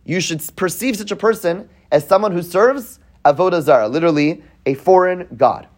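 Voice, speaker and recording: A man's voice: high voice, lively intonation, brisk. A man teaching a class, reading Hebrew passages, translating them and explaining as he goes. He often restarts his sentences and checks in with "right?" and "okay?". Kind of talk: classroom text study lecture. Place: classroom with listeners present.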